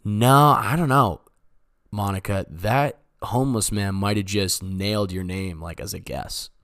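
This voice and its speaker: The fairly low, somewhat bright voice of a man hosting his own casual comedy podcast moves at a measured pace, with studio quality and no room sound. His delivery is rambling, sweary and jokey, interrupting himself like a stand-up comic.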